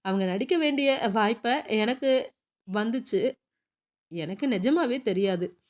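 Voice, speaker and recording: A woman's voice: fairly high pitch, expressive, takes it slowly. Woman reading as a shy, bewildered young actress. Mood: puzzled. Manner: puzzled, earnest.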